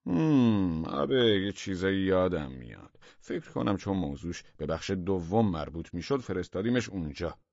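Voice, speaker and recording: A man's voice: low voice, big pitch swings, gravelly, hardly any pauses, darkish tone, no echo, muffled recording, full character voice. A man voicing a vague male office manager who talks in a hesitant, musing way.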